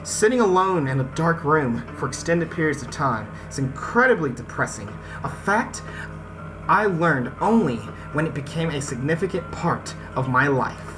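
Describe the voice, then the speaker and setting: Reading a visual novel aloud in a let's-play, the host sounds animated, with a mid-range voice at normal speed, though the audio is poor. Some words come out stumbled, the casual asides speak directly to viewers, and the game's music plays in the background.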